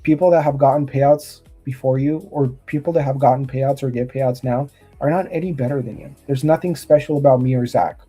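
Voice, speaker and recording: A man's voice: mid-range voice, fairly even intonation, brisk, few pauses, dark tone, husky, faint music behind. A man from Romania, a guest trader, gives earnest motivational advice in casual chat over a video call, often restarting his sentences.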